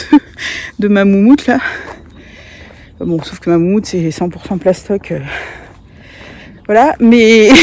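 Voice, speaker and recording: A craft vlogger chats casually about knitting while out on a walk on a sunny day. She sounds hesitant, with many fillers and small laughs, and her mid-range voice has a warm tone.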